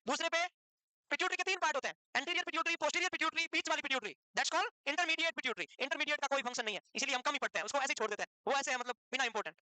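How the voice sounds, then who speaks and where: A woman teaches a lively exam-prep class at high speed, her voice high and bright. She fires questions at her students, answers them herself and slips in teasing scolds. The sound is dry and close. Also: dry recording, poor audio.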